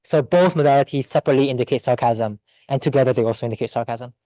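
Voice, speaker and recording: A man giving a seminar talk and answering audience questions in a quick, think-aloud way with restarts. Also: mid-range voice, warm tone, no echo. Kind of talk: academic Q&A.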